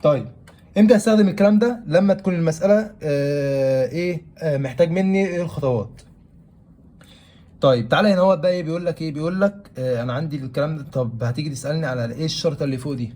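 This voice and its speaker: A man's voice: a little high, rapid-fire, warm tone. A man with an Egyptian Arabic accent teaching a math lesson, who keeps asking questions aloud and answering them himself. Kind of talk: classroom-style math lesson.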